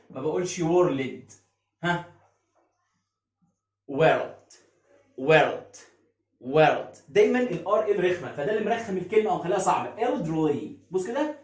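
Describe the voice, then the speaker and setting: An English teacher with an Egyptian Arabic accent explains pronunciation, asking himself questions and answering them. His voice sits high, and he repeats words slowly. The room gives a clear echo. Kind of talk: phonics lesson explaining pronunciation.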